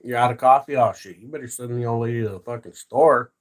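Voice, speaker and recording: A man's voice: medium pitch, fast talker. A man hosting a casual livestream, chatting with viewers and ranting with heavy profanity. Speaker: livestream host.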